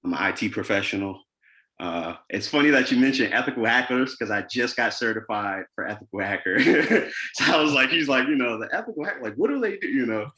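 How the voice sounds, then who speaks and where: A man in his twenties introducing himself to a class on a video call, speaking in a steady, orderly and polite way. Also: mid-range voice, fairly quick. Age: 20s.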